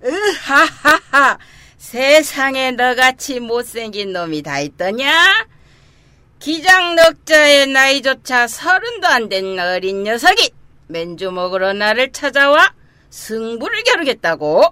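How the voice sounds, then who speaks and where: A woman voicing a haughty, scornful demon king, an imperious and mocking dark lord in a children's storybook. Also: high-pitched, very animated, a little slow, clear, resonant tone, dry recording, heavily acted. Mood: scornful, menacing. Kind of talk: dramatized children's storybook reading.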